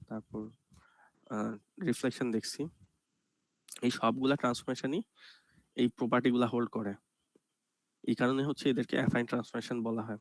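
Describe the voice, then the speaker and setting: A man's voice: mid-range voice, no echo. A man giving an online computer graphics lecture, explaining step by step and checking in with students. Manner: explains step by step, often asks "ঠিক আছে?"; speaks softly and slowly on purpose.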